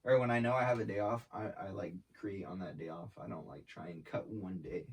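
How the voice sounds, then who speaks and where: His voice is low and brisk with fairly even intonation as the young artist and brand founder chats through an interview. The talk is slangy, relaxed, filler-heavy and peppered with swearing, and he sounds distant from the mic.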